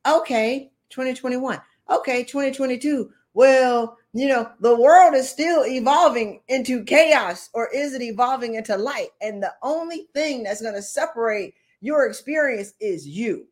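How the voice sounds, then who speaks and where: A woman's voice: a little high, moderate pace, few pauses. A middle-aged woman giving an informal, direct motivational talk in a blunt, emphatic way, repeating phrases to drive them home. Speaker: motivational speaker and podcaster.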